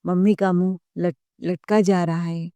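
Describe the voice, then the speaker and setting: A woman voicing a calm young husband in a told story. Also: lowish voice, measured pace, no echo, natural voice. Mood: gentle.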